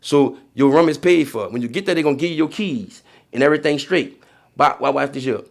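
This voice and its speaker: A man's voice: medium pitch, brisk, creaky. A young man with a New Orleans accent, telling a story in casual streetwise slang on a podcast. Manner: streetwise slang, frequent "you feel me". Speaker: podcast guest.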